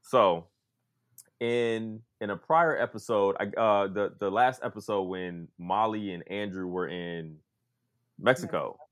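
Guy chatting bout a show, animated, keeps quoting people. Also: on the low side, unhurried. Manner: animated, acts out quotes of others. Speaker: podcast co-host. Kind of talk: casual chat.

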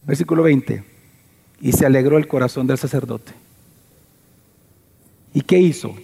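A man preaching a sermon as pastor, retelling a story with animated energy and asking the congregation questions. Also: medium pitch, unhurried, gravelly, slightly rough. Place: church hall. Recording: reverberant hall.

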